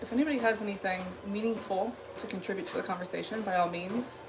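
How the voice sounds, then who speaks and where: A woman's voice: mid-range voice, fast talker, background noise. A woman from Illinois hosting a casual livestream, reading chat comments in a blunt, dry, dismissive way while walking on a treadmill.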